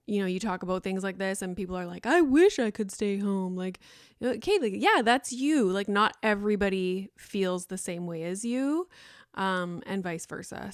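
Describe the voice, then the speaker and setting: A woman's voice: mid-range voice, clear, resonant tone, dry recording, clean studio sound. A woman in her thirties hosting a solo podcast, talking in a chatty, rambling way with lots of "like" and fillers. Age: 30s. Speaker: podcast host.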